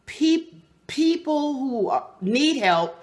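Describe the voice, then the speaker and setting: A woman's voice: high-pitched, sing-song, takes it slowly, a little mellow. A woman who leads a nonprofit, speaking in an earnest, encouraging, slightly preachy way in a casual interview. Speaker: nonprofit leader, guest.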